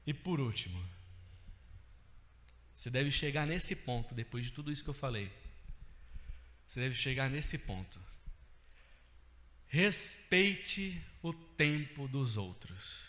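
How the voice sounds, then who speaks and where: A man with a Brazilian Portuguese accent preaching a sermon, animated and rising to emphatic outbursts. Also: medium pitch, normal speed, long pauses, in a large hall.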